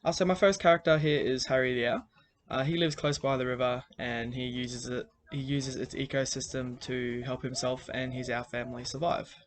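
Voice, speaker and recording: Aussie teacher guy explaining a task, easygoing, lots of ums, medium pitch. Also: normal speed. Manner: relaxed, many fillers. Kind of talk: recorded class instructions.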